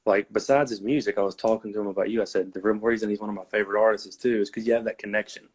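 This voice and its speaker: Low-voiced earnest male fan. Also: fairly even intonation, racing, slightly rough. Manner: earnest, rambling with many "like"s. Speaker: fan caller. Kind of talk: casual chat. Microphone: joining a phone livestream.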